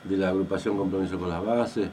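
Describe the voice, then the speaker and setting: A man with an Argentine accent co-hosting a radio talk show. He speaks deliberately, pausing often with fillers. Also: low-pitched, steady tone, warm tone. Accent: Argentine Spanish. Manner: deliberate, with many pauses and fillers. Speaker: radio co-host. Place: radio studio. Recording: distant mic with faint noise.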